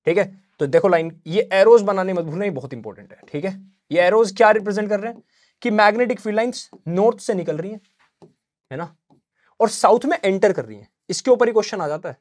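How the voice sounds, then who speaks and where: A man teaching an exam-prep lesson, slowly dictating English answers and explaining in chatty Hindi. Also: high voice, no echo, clean studio sound.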